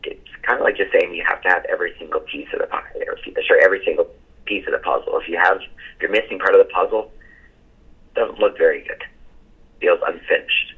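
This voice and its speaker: A hoarse man, who says he has lost his voice, speaking earnestly as a senior partner on a call, with fillers and restarts. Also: sits low, steady tone, a little fast. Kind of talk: casual motivational reply. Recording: tinny phone line.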